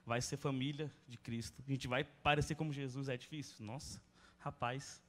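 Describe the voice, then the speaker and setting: A man's voice: medium pitch, fairly even intonation, moderate pace, a bit bright. Casual man giving a church testimony. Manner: casual, slangy, reflective. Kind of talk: personal testimony.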